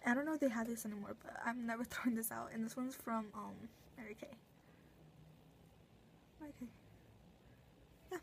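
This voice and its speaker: A woman's voice: on the high side, racing, gravelly, few pauses, a little hiss or hum, poor audio. Chatty young woman reviewing makeup brushes. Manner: chatty, rambling with many fillers and self-corrections. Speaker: beauty vlogger.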